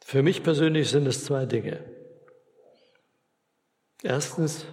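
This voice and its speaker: A man preaching a sermon in a church, earnest and emphatic, with long pauses. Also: a little high, a little mellow. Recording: long reverb of a church hall.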